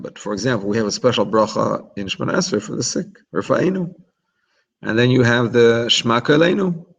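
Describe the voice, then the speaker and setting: Gravelly man teaching a relaxed religious class. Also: mid-range voice, muffled recording. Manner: chatty, explanatory, many restarts. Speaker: Torah teacher.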